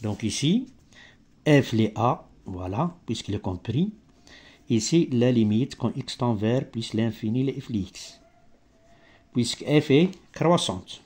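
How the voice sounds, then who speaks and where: A man with a mellow, dark voice of medium pitch gives an improvised maths lesson. He is not a native French speaker and talks slowly in halting, broken French, often searching for a word and making small grammatical slips. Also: lively intonation, husky. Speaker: maths teacher.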